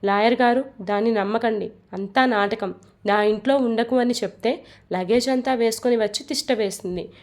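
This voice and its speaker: A woman's voice: a little high, normal speed, natural voice. A woman voicing a stubborn, hot-tempered young husband who firmly insists on his demands in a storybook reading. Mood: insistent. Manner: insistent, firm.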